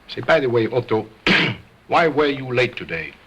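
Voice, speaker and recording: A man's voice: medium pitch, very animated, moderate pace, a bit bright, slight background noise. An actor playing an egocentric, stern stage ventriloquist who talks in a grandly formal showman's manner, in an old 1929 film. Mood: pompous. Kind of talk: 1920s stage and film acting. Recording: vintage 1929 film soundtrack.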